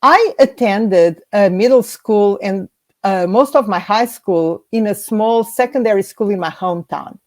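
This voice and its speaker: A woman from Portugal, a scientist, giving a prepared slide presentation in a measured way, reading through lists. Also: medium pitch.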